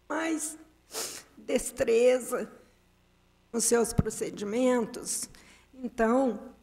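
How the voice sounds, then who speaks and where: A woman giving nervous, halting testimony as an invited guest at a council committee meeting, with many fillers and restarts. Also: fairly high pitch, gravelly, a little mellow. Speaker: invited guest making complaints. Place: council chamber.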